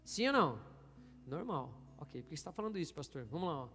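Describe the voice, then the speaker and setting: High-voiced preaching pastor in reverberant church. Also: male voice, sing-song, fast, sharp tone, faint music behind. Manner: call-and-response preaching, asks the congregation questions. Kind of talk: sermon. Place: church hall. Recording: long hall reverb.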